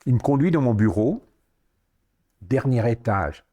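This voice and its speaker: A man in his sixties with a Swiss French accent, a podcast guest telling lively anecdotes and acting out the dialogue he quotes. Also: medium pitch, unhurried. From Switzerland. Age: 60s. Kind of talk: storytelling interview.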